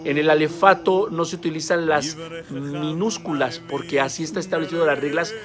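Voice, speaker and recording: A man's voice: a little high, normal speed. Earnest man preaching over music. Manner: earnest, emphatic, addresses the listener directly. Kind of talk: sermon-style teaching.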